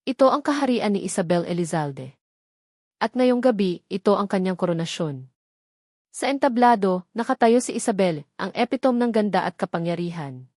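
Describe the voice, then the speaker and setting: A woman narrates a scripted dramatic story in a mid-range voice with lively intonation at a moderate pace, her tone a little mellow. The studio recording is clean, with no room sound.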